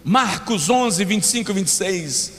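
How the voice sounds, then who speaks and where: A pastor preaching a dramatic sermon, slowing down and shouting for emphasis. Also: male voice, high voice, animated, gravelly. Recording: long church reverb with faint music.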